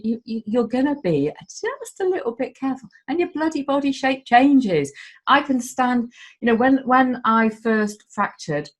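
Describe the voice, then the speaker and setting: A woman's voice: fairly high pitch, breathy edge. A woman speaking as a guest in a candid conversation, heartfelt and emotional, swearing casually as she talks.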